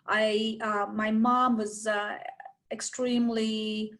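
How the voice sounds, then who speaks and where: A woman from Sri Lanka shares her story as a panel guest. She speaks slowly and hesitantly, filling gaps with many fillers. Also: on the high side, flat delivery, a bit bright, low-quality recording. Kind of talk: personal testimony.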